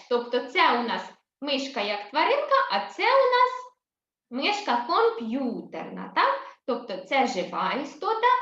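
A woman teacher giving a recorded reading lesson to young children, speaking slowly and clearly and repeating herself for them. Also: high voice, fairly bright tone, echoey room, dull audio. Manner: slow, clear and repetitive, addressing children. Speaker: primary school teacher.

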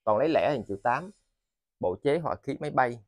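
Southern Vietnamese man, halting casual sales patter. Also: mid-range voice, animated, darkish tone, no room sound. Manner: halting, repeats words and phrases. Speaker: seller of used motors and machine parts. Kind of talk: casual, rambling sales vlog. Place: indoors in a cluttered tiled storeroom.

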